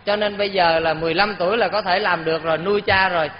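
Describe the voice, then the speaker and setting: A man with a Southern Vietnamese accent and a high voice preaches to a gathered audience, spinning a parable and breaking off to quiz his listeners. The sound is muffled and dull, and his voice rings out in a long, echoing hall. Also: fast. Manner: lively, keeps quizzing the audience. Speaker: Buddhist teacher. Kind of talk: storytelling sermon to an audience.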